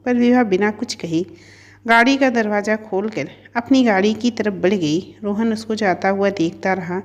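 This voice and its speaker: A woman narrating a dramatic family story with steady, expressive reading. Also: mid-range voice, moderate pace, muffled recording.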